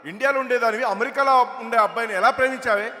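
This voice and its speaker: A man's voice: extremely high pitch, fast talker, pushed and bright. A man voicing a middle-aged father, exasperated and lamenting. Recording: long hall reverb over PA.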